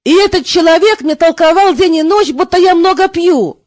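A loud, scornful young knight growls and scolds in this audiobook scene, voiced by a woman reader in her own very high voice. The sound is dry and close, with no room around it. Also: moderate pace, no echo. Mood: scolding. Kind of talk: audiobook character reading.

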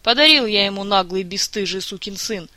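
Picture an injured man, hoarse and furious, hurling one curse after another at whoever is nearest, as a reader acts him out. The voice is bright and loud, recorded dry and close. It belongs to a storybook reading. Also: sits high, brisk, dry recording. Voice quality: slightly hoarse, shouting curses. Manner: ranting, insulting, swearing. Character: furious wounded man, foul-mouthed and grumpy.

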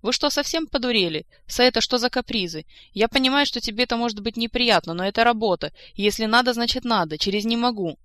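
A woman reading aloud, voicing a stern male army colonel who barks loud commands. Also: medium pitch, fast, no echo, lightly acted. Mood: scolding. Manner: barking commands.

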